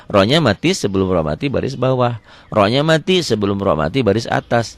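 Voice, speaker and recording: A man's voice: on the low side, dry recording. A man teaching recitation rules, patiently repeating each rule and drawing out example words. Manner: asks questions and answers them himself. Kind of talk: recorded lesson on Quran recitation rules.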